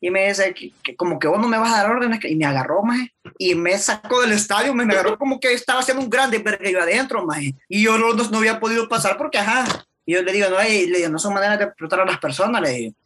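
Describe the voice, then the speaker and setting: Fast-talking young Salvadoran man, bright. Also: high voice, expressive. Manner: slangy, rambling anecdote, constant filler "maje". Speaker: storyteller. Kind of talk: casual chat.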